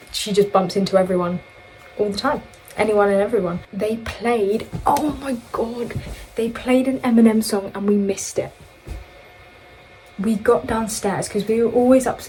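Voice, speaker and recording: A young woman from England talks straight into her phone while she gets ready at home. Her pitch sits in a plain middle range. She rambles through a story with lots of fillers and quoted lines, and a faint room ambience runs behind her. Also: darkish tone, slight background noise, low-quality recording. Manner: chatty, rambling, full of fillers and quoted dialogue. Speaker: vlogger. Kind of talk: casual storytime chat while getting ready.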